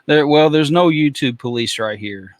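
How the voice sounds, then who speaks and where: A man's voice: on the high side, normal speed. A male host bantering and joking with guests on a trade talk show. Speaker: podcast host. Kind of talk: casual talk-show chat.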